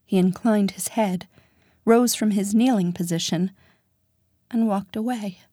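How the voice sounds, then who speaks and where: A woman reading a first-person romance story, soft and intimate, often dropping to a whisper. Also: mid-range voice, measured pace, no room sound, studio quality. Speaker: audiobook narrator.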